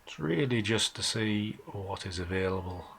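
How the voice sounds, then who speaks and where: A man's voice: fairly low pitch, expressive, normal speed, fairly bright tone. A man with a Northumbrian English accent hosting a casual live tutorial, thinking aloud informally as he works. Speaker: host of a live photo-editing session. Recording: clear background noise, keyboard and mouse clicks.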